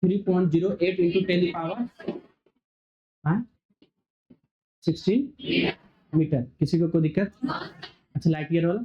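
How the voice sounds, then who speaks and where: A male physics teacher lecturing a classroom, firing quick questions and waiting for students to answer. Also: high voice, fairly even intonation, mellow, a little hiss or hum. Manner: quizzing students, call-and-response. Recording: dull lo-fi recording.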